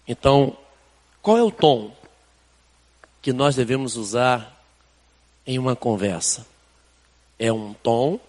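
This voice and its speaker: Standing in a church sanctuary that sounds like a large hall, an older Brazilian pastor delivers his sermon in a slightly high voice. He talks conversationally, tossing out rhetorical questions and offhand asides, with a Brazilian Portuguese accent.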